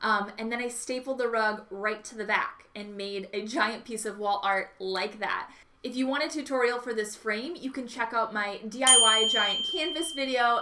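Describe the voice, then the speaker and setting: A woman's voice: on the high side, sharp tone, a little hiss or hum. A woman hosting a home makeover vlog with upbeat, enthusiastic, gushing DIY narration.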